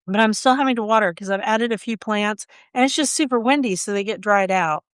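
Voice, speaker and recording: Chatty woman gardening co-host, smooth voice. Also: mid-range voice, fairly bright tone, no room sound. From Oklahoma, USA. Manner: chatty storyteller, quick asides. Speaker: podcast co-host. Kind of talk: casual chat.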